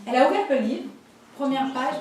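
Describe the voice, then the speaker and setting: A woman with a high voice teaches a religious class through lively stories, acting out the voices of the people in them. She is recorded from far off in a very echoey room. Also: fairly quick, a little hiss or hum. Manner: lively storytelling, acts out voices. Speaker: Torah teacher. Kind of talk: storytelling class.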